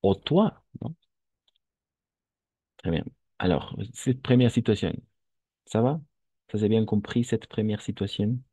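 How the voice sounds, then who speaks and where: A man's voice: lowish voice, animated, unhurried, pauses often, dark tone, breathy edge, no room sound. A man teaching a French lesson to Spanish speakers, patient and repetitive, checking often that students understand.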